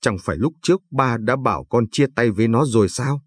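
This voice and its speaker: A man's voice: mid-range voice, lively intonation, brisk, slightly rough. A man reading the lines of a stern, grieving older father in a spoken story. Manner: stern, scolding.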